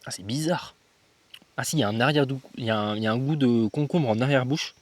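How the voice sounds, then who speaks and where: Speaking quickly in a medium-pitched voice, a young man gives casual vlog talk to his handheld camera while traveling. He's loose and slangy, addresses viewers as "guys," and keeps restarting and filling pauses as he thinks aloud.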